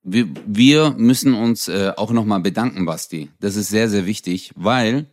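A man's voice: lowish voice, moderate pace. A man co-hosting a comedy podcast in a loose, casual chat full of slang and fillers. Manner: laid-back, lots of fillers and slang. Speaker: podcast co-host.

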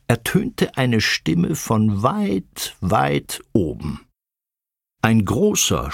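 A man narrating a children's animal story with expressive storytelling. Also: breathy edge, no echo, clean studio sound. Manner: expressive storytelling with lively pitch.

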